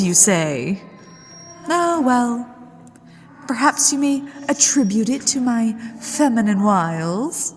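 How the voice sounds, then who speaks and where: In long, ghostly reverb over music, a woman plays the genteel lady ghost of a haunted manor for an ASMR roleplay. Her voice is a little high, and she sounds amused and coy, flirtatious and teasing, drawing out her words slowly and deliberately with aristocratic mischief.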